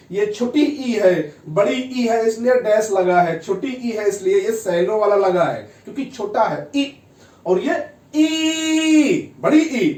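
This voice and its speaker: A man's voice: sits high, darkish tone, distant mic. A man teaching a shorthand lesson, explaining step by step and often checking with the class in a repetitive way. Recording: echoey room, off-mic.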